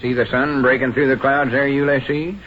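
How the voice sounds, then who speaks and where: A man's voice: mid-range voice, little pitch movement, moderate pace, lightly acted. A man playing a talkative, opinionated small-town character with a rural Southern accent in a 1940s radio comedy. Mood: conversational. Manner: folksy, drawling, homespun. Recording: muffled, noisy 1940s radio recording.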